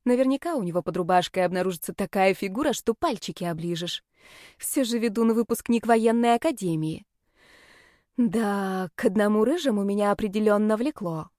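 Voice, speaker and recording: A woman's voice: mid-range voice, brisk, a little mellow, no room sound, clean studio sound. A woman narrating a first-person audiobook in a wry, sardonic tone.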